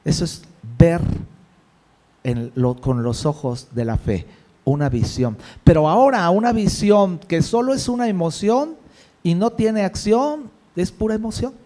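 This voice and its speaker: A male pastor preaching a sermon in a lively, conversational way, with jokes and rhetorical questions. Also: sits high, a little slow.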